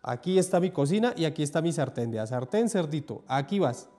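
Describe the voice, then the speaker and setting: A man's voice: a little high, expressive, a little fast, mellow, lightly acted. A man voicing a hungry but gullible male fox who gives orders, then gives in. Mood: bossy. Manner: bossy, then easily talked round.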